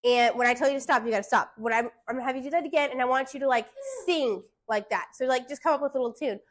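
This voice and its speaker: Speaking at a racing pace in a high voice, this woman teaches singing to a classroom. She hushes her pupils and tacks an "okay?" onto nearly each point she makes.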